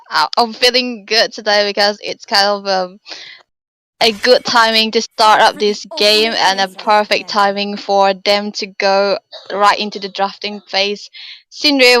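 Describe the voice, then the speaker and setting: A woman co-casting an esports match, analyzing the draft in a measured way with some hesitations. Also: mid-range voice, little pitch movement, bright, forceful tone, smooth, no room sound, poor audio. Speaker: esports co-caster.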